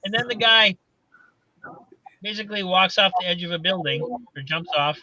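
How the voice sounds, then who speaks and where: High, bright-voiced man griping. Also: normal speed, no room sound, highs cut off. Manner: animated, complaining storyteller. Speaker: co-host of a comics live stream. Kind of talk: casual chat.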